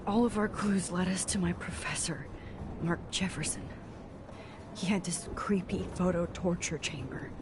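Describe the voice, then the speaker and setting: A woman's voice: on the low side, normal speed, background noise, close to an everyday voice. An actress playing an earnest, anxious, caring young woman in a dramatic game. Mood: gentle, somber. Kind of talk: dramatic game dialogue and inner monologue.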